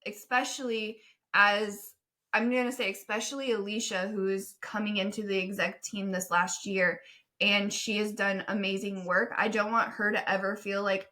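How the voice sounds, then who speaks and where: 40s woman podcast cohost, bright forceful voice, rambly, pokes fun at herself and laughs a lot. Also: mid-range voice, level tone, normal speed. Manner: rambling, self-deprecating, laughs often. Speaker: podcast co-host. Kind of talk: casual chat.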